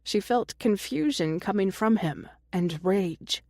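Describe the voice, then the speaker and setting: A woman's voice: medium pitch, lively intonation, slow, a little mellow, dry recording, studio quality. A woman narrating a romance audiobook, reading every character herself with small shifts in her voice.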